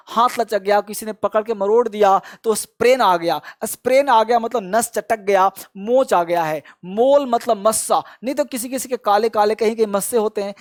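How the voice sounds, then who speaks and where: High-voiced man drilling vocabulary. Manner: repetitive drilling, prompting listeners to repeat after him; frequent encouraging praise. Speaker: teacher. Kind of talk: spoken vocabulary lesson.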